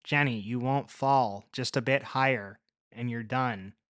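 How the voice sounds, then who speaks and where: Low-key young woman who always has a plan, man doing her, flat and steady, dry mic. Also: unhurried, no room sound, lightly acted. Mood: coaching. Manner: low, flat, matter-of-fact delivery. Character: calm resourceful young woman survivor, practical.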